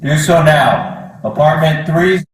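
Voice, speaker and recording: A male police officer slowly calling orders to a suspect to come out and surrender. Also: a little high. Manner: commanding, slow, repetitive orders. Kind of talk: loudspeaker commands to a suspect. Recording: echoey and distant.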